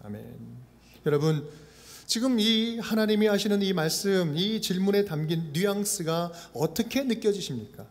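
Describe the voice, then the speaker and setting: A male pastor preaching a sermon in an expressive style. He repeats phrases in a steady rhythm and acts out the quotes he cites. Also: sits high, moderate pace. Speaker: senior pastor. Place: church sanctuary. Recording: reverberant church livestream.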